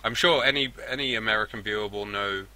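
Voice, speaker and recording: A man playing through a story game, reading the text aloud and breaking off into rambling asides. His voice is on the lower side, with a sharp, tense brightness. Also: fast. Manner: rambling, self-correcting asides. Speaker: let's play host. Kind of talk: game playthrough, reading and commentary.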